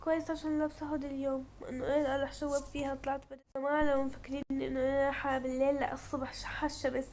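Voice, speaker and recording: A woman's voice: high-pitched, little pitch movement, rapid-fire, darkish tone, slight background noise. A young woman, narrating a dress-up game in a chatty, self-mocking way. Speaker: gaming vlogger.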